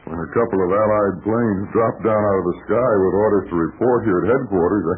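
An actor with an American accent playing a respectful, plain-spoken commando leader in a 1940s radio drama. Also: male voice, fairly low pitch, natural voice. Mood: respectful, modest. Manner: plain, deferential, slightly halting. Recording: scratchy, narrow-band old radio recording.

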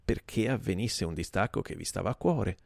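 A man voicing an older, guilt-ridden gentleman who pleads hesitantly in a trembling voice. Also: fairly low pitch, lively intonation, a little fast, creaky, no room sound, clean studio sound. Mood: pleading.

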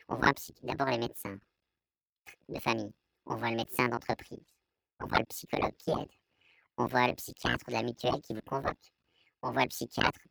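A man with a Belgian French accent giving a hesitant, explanatory testimony, his voice artificially pitched down to disguise it. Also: vocal fry, a bit bright, no room sound, rough recording. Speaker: anonymous interviewee giving testimony. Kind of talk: personal testimony in an interview.

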